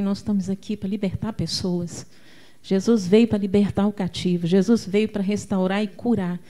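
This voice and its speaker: A woman's voice: medium pitch, darkish tone. A woman preacher with a Brazilian Portuguese accent gives an emphatic sermon, calling out to the congregation and telling homely stories.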